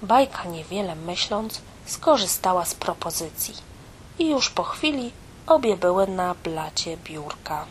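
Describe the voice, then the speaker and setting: A woman reads a children's fairy tale in a soft, hushed voice that often drops to a half-whisper. She is slow and unhurried, and her pitch sits on the lower side. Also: animated, slight background noise, rough recording. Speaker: storyteller. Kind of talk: storybook narration for children.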